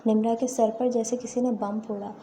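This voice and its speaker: A woman narrating a dramatic story in a steady, even reading. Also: fairly high pitch, slight background noise.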